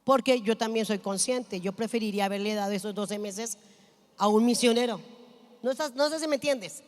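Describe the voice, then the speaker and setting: A woman's voice: on the high side, fairly quick. A woman pastor preaching a sermon, telling a personal story and asking the congregation questions. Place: large church hall. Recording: long hall reverb.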